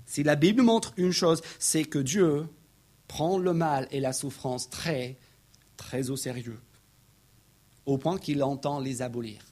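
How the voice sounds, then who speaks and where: Male pastor, emphatic sermon delivery, unhurried, slightly high voice. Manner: emphatic preacher, reads verses aloud, rises to excited peaks.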